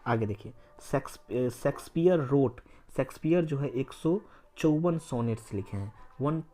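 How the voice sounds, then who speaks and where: A male teacher with a mellow, mid-range voice gives an exam-prep literature lesson in Hindi mixed with English. He keeps turning points into quiz questions and answering them himself, and he spells words out letter by letter.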